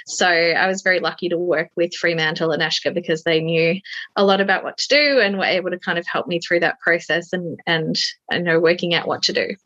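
A woman's voice: fairly low pitch, fairly quick, no echo. Earnest woman author, dull dry sound. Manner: earnest, steady, frequent "um". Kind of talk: casual interview answers.

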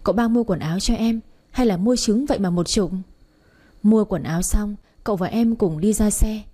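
Chatty woman storyteller, warm low-brightness voice, slightly breathy; talks to listeners directly. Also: normal speed. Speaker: story narrator. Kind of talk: first-person romance story reading.

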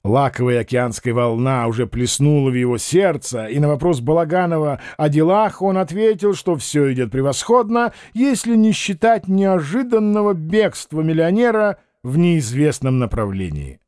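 Expressive male audiobook narrator, dry sound. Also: on the high side, moderate pace, few pauses, clear, resonant tone, no room sound. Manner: expressive, voices the characters.

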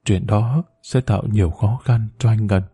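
A man voicing a dying woman in an audiobook story, soft and breathless as she pleads. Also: mid-range voice, animated, moderate pace, breathy edge, dry recording, clean studio sound. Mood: tender. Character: dying woman, gentle and insistent.

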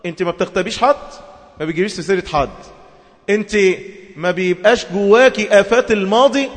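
A man's voice: high-pitched, long reverb tail. A man preaching a sermon to women in an Egyptian Arabic accent, emphatic and full of rhetorical questions.

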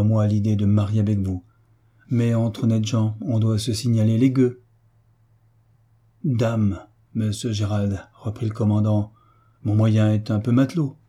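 A man's voice: on the low side, dark tone, breathy edge. A man voicing a blunt, affectionate old navy veteran who speaks frankly and firmly. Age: older. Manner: frank, firm, plain-spoken.

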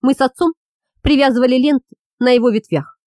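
A woman voicing a young female traveler who speaks softly and hushed. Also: high voice, a little fast, dry recording, studio quality, natural voice. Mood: wistful.

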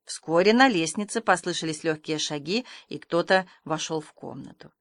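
A woman narrating an audiobook in a measured, even storytelling manner. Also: deep voice, no echo.

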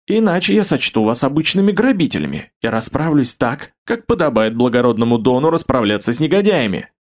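A man's voice: mid-range voice, very animated, fairly quick, close to an everyday voice. Man doing a proud young nobleman. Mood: demanding. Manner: formal, haughty.

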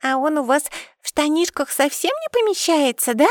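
A woman reading an audiobook, voicing a bold, naive little girl with a squeaky childish voice. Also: very animated, normal speed, dry recording, studio quality.

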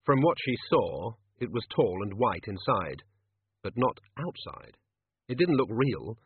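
A man narrating a story in a wry, measured manner. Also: fairly low pitch, sing-song, slightly rough, dry recording. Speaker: audiobook narrator. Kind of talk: scripted narration. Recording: tinny phone-like sound.

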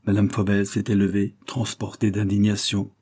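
A man narrating a classic novel as an audiobook in a measured, dramatic way. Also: on the low side, monotone, warm tone, breathy edge.

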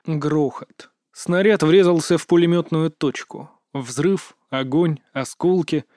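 A man tells a war story in short, punchy sentences. His voice is a little high for a man. The recording is dry and close, with no room echo. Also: takes it slowly, warm tone. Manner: terse, clipped action narration. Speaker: narrator. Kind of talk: scripted narration of a war story.

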